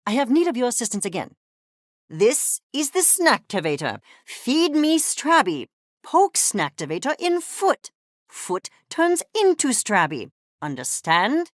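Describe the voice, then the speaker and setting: A woman performs a video game role as an eccentric, haughty furry creature scientist, condescending and theatrical, wordy and precisely spoken. Her fairly high, sing-song voice keeps a measured pace and comes across as commanding and eager. It's a dry, studio-quality recording.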